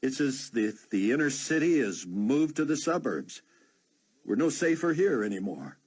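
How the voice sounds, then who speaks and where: A man's voice: medium pitch, sing-song, unhurried, a little mellow, slightly rough, voice pushed up. A man voicing a grave, earnest pastor worried about crime.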